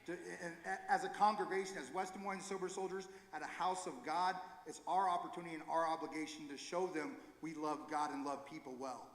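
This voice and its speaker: A man leading a recovery ministry gives an informal, earnest church talk, halting and correcting himself as he goes. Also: on the high side, flat delivery. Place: church sanctuary. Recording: echoey hall with long reverb.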